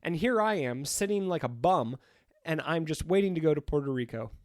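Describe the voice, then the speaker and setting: A man's voice: fairly high pitch, animated, brisk, no echo, studio quality. A man co-hosting a casual podcast with joking banter, his voice nasal and stuffed up as if his nose were pinched by a cold. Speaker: podcast co-host. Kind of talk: casual unscripted podcast chat.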